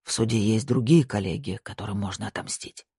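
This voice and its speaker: A narrator voicing a retired older male judge who mutters low and wearily and dodges the questions, with a husky tone. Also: brisk, mellow, dry recording, studio quality, heavily acted. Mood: weary.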